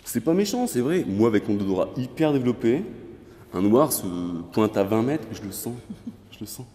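A man's voice: mid-range voice, lively intonation, moderate pace, mellow, in a large hall, close to an everyday voice. A man playing a smug bigoted actor. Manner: smug, condescending. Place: large warehouse film set.

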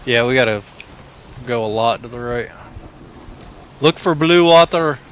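A man playing a game with a friend, talking slowly, getting excited and laughing often. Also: medium pitch, slight background noise, low-quality recording. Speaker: co-player. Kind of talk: casual gameplay chat.

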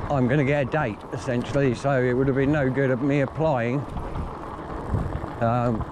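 A man chatting casually through a vlog outdoors in the countryside, rambling with lots of ums. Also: mid-range voice. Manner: rambling, many ums and essentially. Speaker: vlogger. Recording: outdoor recording with clear background noise.

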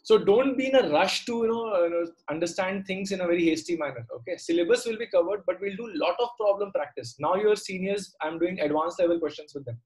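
A middle-aged male teacher speaks with a South Indian accent in a moderately high voice. He explains things step by step in a conversational way, often repeating a phrase and stopping to ask short questions of his students. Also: fairly quick, hardly any pauses, a little mellow, poor audio. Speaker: maths teacher. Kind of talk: online lesson, explaining step by step. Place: indoor room, online class on a computer.

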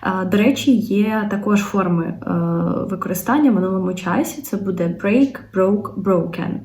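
A woman's voice: mid-range voice, moderate pace, mellow. A woman English teacher explaining vocabulary in patient, step-by-step Ukrainian with frequent filler sounds. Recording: echoey room.

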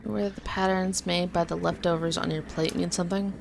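A woman's voice: fairly low pitch, little pitch movement, a little fast, vocal fry, noisy background. A woman giving casual video game commentary as she plays, reading on-screen text aloud.

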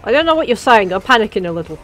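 A woman narrates her own playthrough with jokey, excitable commentary, bantering with the characters on screen. Her voice swings widely in pitch as she reacts. Soft game music plays faintly underneath. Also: racing. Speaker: gaming channel host. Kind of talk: let's play commentary.

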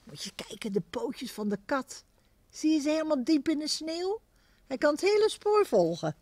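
A woman reads a picture book to young children in a high, sing-song voice, stopping to ask them questions. Her pitch rises and falls a lot as she tells the story. The recording is close and dry. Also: normal speed, no room sound. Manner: expressive, addresses the children directly.

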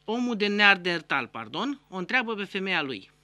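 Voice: medium pitch, sing-song, bright, forceful tone, no echo. A host telling a string of jokes in a casual monologue, acting out the characters. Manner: acts out joke characters with raised voice.

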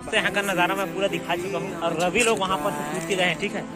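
Young male vlogger, high-pitched, playful and chatty, recorded outdoors on a camera held at arm's length over loud music. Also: level tone, fast. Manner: chatty, addresses viewers as guys, playful boasting. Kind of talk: casual travel vlog. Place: outdoors, rural roads and temple grounds. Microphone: handheld camera at arm's length. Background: loud background music.

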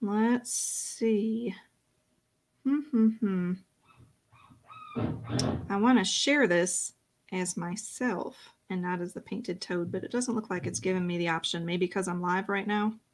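A woman's voice: mid-range voice, steady tone, slow pace, long pauses. A woman running a casual live-stream painting lesson, chatting and talking to herself as she works. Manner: chatty, self-talking while working. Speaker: painting instructor.

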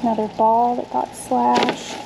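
A woman in her thirties vlogs casually to the camera on a backyard patio, thinking aloud as she sorts through her dumpster finds. Her voice is fairly high and fairly flat in pitch, unhurried, with vocal fry, and there's heavy background noise.

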